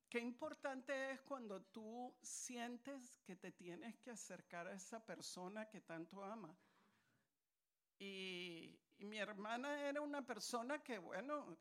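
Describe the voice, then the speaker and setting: A woman preaching a sermon in a conversational, storytelling way, with asides to her listeners. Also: on the high side.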